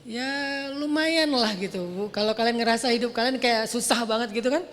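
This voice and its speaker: A man preaching a casual sermon, animated and slangy, acting out quotes. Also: extremely high pitch, moderate pace. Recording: long hall reverb.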